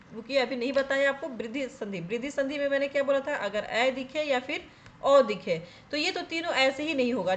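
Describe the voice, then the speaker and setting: A woman teaching a grammar lesson for exam preparation, explaining step by step and checking in with viewers as she goes. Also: high voice. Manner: explains step by step, often asks and answers her own questions; repeats "theek hai" to check in with viewers.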